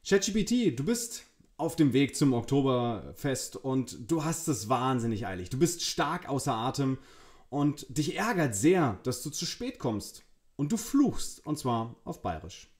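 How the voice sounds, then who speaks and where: Lively German man hosting a tech demo. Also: mid-range voice, unhurried. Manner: enthusiastic, gives spoken commands. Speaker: host.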